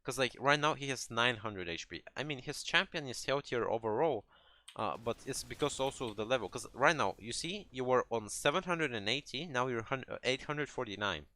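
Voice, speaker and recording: A gaming coach walks a player through a game replay, explaining conversationally at a slightly fast pace. His medium-pitched voice is expressive, bright and forceful, and his phrasing is hesitant, full of restarts and "right?" checks to make sure he's followed.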